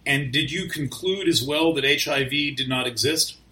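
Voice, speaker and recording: A man's voice: fairly high pitch, moderate pace, bright, forceful tone. A man interviewing a guest, pressing persistently with probing questions.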